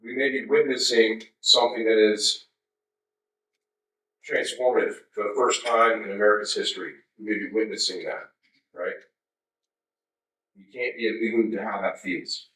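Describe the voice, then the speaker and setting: A man in his fifties gives a keynote from a podium in a large, dark conference hall, talking in a loose, wry way with asides to the crowd. His voice is bright and forceful. The sound is roomy and picked up from some distance. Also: on the low side, steady tone, normal speed, pauses often. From United States. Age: 50s. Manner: conversational and wry, with asides to the audience. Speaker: keynote speaker.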